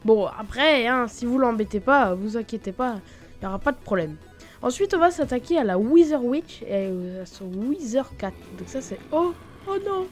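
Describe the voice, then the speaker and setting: A woman giving a chatty, excitable commentary while showing a game mod, with lots of fillers and sudden exclamations. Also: a little high, normal speed, faint music behind. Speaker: gaming YouTuber. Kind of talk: Minecraft mod showcase commentary.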